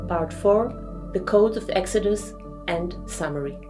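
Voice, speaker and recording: A woman's voice: lowish voice, a little slow. Woman lecturing over music. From Israel. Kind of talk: scripted lecture narration.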